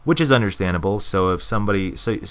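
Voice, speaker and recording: Young guy, low voice, rambly casual gaming commentary, lots of um and like. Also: expressive, fast talker, fairly bright tone, smooth. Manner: rambling, many fillers and restarts. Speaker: gaming video creator.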